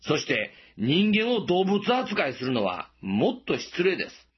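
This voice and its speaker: A man preaching a sermon as pastor, gently asking listeners questions and slowing down for emphasis, in a dull lo-fi recording. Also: on the high side, huge pitch swings, breathy edge.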